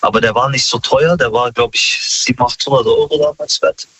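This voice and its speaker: A man in his thirties chatting casually in an interview, relaxed and slangy with many fillers. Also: mid-range voice, quick pace, husky, no room sound, highs cut off. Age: 30s.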